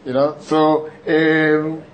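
A man's voice: on the high side, completely flat delivery, drawn-out words, dull audio. A middle-aged man from Ghana with a Ghanaian accent, a chef who talks in a casual, hesitant way, full of fillers and restarts. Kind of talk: casual interview and cooking demo.

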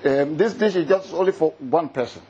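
A man's voice: fairly high pitch, brisk, warm tone, breathy edge, highs cut off. A middle-aged man from Ghana with a Ghanaian accent, a chef who talks in a casual, hesitant way, full of fillers and restarts. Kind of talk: casual interview and cooking demo.

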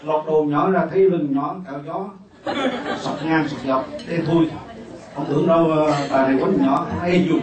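A man's voice: on the high side, fairly even intonation, moderate pace. A man doing stand-up comedy, telling stories in a mix of two languages and mimicking people with mock broken English. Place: live venue with audience. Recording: roomy live recording from far off, loud crowd noise.

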